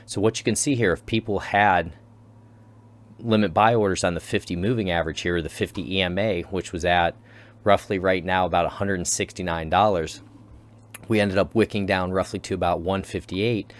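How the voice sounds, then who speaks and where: A man's voice: low voice, steady tone, a little fast. A man hosting his own channel, talking casually through chart analysis and repeating key terms as he explains. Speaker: crypto channel host.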